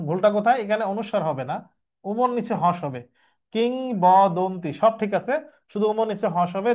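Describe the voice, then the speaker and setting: Male tutor, high voice, quizzes then answers himself, dull lo-fi recording. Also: a little mellow. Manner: explains step by step, asks and answers own questions. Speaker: Bengali language teacher. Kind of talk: exam revision lecture.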